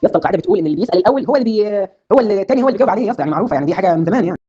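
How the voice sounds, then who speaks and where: A man's voice: high-pitched, expressive, rapid-fire, mellow, slightly rough, highs cut off. A man with an Egyptian Arabic accent, exasperated and insistent, in a comedic skit.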